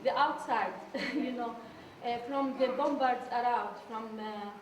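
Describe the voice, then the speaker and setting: A woman's voice: on the high side, a little slow, echoey room, recorded from a distance, a little hiss or hum, poor audio. A woman teacher speaking hesitantly in an interview, searching for words. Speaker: school teacher.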